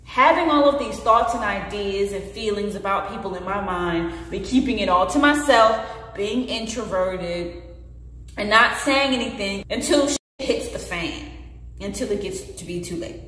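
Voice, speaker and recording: A woman's voice: medium pitch, moderate pace. A woman in her late twenties talks candidly and earnestly to the camera in a personal vlog, gesturing as she speaks. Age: late 20s. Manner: earnest, expressive, gestures with hands while talking. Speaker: vlogger. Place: bare indoor room. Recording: very echoey room with long reverb.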